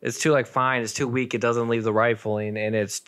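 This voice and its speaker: A man's voice: mid-range voice, little pitch movement, moderate pace, a bit bright, clean tone. A young man co-hosting a podcast, telling stories in a laid-back, matter-of-fact way. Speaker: podcast co-host. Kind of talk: casual chat.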